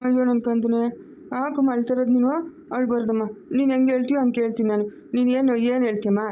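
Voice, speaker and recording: A woman's voice: on the high side, fairly even intonation, very fast, dark tone, slight background noise, natural voice. A woman voicing an old grandfather in a family cartoon, lamenting and pleading. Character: old grandfather, grieving and stubborn.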